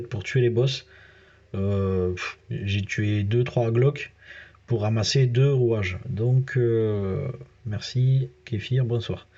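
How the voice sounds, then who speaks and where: A man's voice: medium pitch, warm tone, dull audio. A man with a southern French accent giving casual let's-play commentary as a gaming YouTuber, chatting straight to his viewers with lots of fillers.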